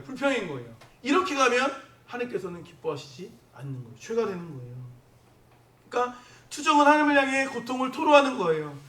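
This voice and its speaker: Lively high-voiced pastor preaching in echoey church. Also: male voice. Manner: conversational preaching with rhetorical questions to the congregation. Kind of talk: sermon. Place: church sanctuary. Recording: echoey church hall from a distance.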